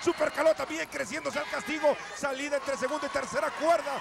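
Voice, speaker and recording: High-pitched, gravelly Mexican wrestling commentator, a man. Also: a little fast, crowd noise. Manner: excitable, repeats phrases. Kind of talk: live lucha libre wrestling commentary. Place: ringside commentary table in indoor arena.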